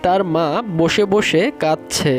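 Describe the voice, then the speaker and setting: A narrator telling a cartoon story in a slow, solemn manner. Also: mid-range voice, fairly even intonation, soft background music.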